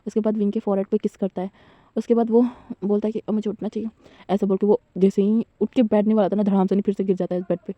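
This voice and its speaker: A woman's voice: mid-range voice, little pitch movement, fast talker, dry recording. A woman casually retelling a fan fiction story in a chatty, giggly way with loose fillers. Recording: slightly dull lo-fi recording.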